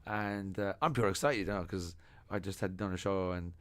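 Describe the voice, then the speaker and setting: Podcast guest: Irish man with a lowish voice, lively anecdotes, acts out quoted lines. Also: normal speed. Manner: animated storyteller, quotes others in lively bursts. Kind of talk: casual chat. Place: music studio.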